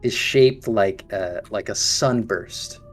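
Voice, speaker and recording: A young man with a slightly low voice narrates as dungeon master. He gropes for words and restarts his sentences. Faint music plays underneath. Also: slow pace. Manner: hesitant, restarts while describing. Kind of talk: running a tabletop game.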